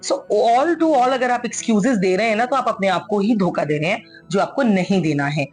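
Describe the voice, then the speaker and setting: A woman's voice: mid-range voice, lively intonation, moderate pace, a little mellow, faint music behind. A woman giving an earnest, coaxing motivational talk, mixing English phrases into her speech. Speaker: motivational speaker.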